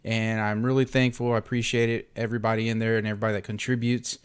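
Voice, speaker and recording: A man hosting an online group, making a casual, unscripted giveaway and sale announcement with an informal, halting delivery. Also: on the low side, level tone, clear, resonant tone. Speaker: host of an online trading group.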